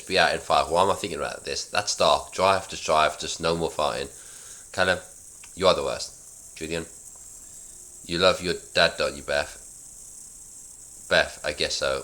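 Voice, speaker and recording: A man reads his old sitcom script in a loose, offhand way. His voice sits extremely low yet sounds bright and forceful. He keeps breaking off to mock his own writing. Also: fairly even intonation, moderate pace. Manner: offhand, self-mocking commentary. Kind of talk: casual script read-through with asides.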